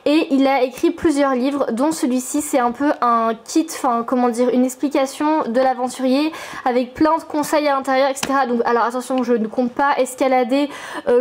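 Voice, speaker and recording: Young French woman, high voice, chatty at-home vlogger, upbeat and full of fillers. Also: fairly even intonation, moderate pace, a little mellow. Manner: chatty, enthusiastic, filler-heavy. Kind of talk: casual chatty vlog. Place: her apartment.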